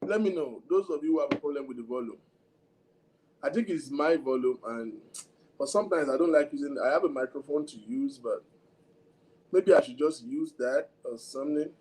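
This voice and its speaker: A slightly high, darkish-toned man's voice comes through a low-quality recording with a little hiss or hum, at a moderate pace. He's a Nigerian-accented livestream host who rambles casually, code-switches, speaks directly to viewers, and describes his voice as big.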